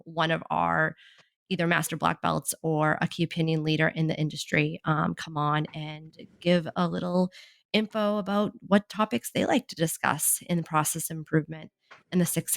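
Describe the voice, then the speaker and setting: A woman's voice: low voice, gravelly, a bit bright, no echo, clean studio sound. A woman with a Boston accent co-hosting a business podcast, talking in an upbeat, enthusiastic way. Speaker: podcast co-host. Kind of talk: casual podcast conversation.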